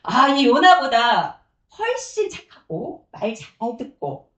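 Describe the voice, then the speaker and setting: Brief: woman evangelist, lively pitch, fairly high voice, acts out quotes, echoey sanctuary. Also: slow. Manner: animated, acts out quotes, laughs often. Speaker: evangelist preaching. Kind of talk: sermon with personal testimony. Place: church sanctuary. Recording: echoey church room.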